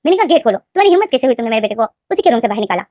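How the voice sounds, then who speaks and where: A woman voicing a loud, scolding middle-aged mother in a retold story, her voice shrill and sharp. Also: expressive, quick pace, dry recording, highs cut off, natural voice. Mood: furious. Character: mother, furious then fawning, loud.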